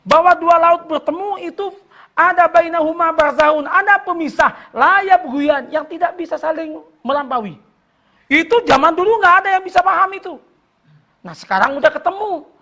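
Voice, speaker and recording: A man preaching a sermon to a study gathering. He recites scripture slowly, explains it plainly, and jokes with the audience. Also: extremely high pitch. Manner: joking with the audience, voice rising when animated. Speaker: Islamic preacher.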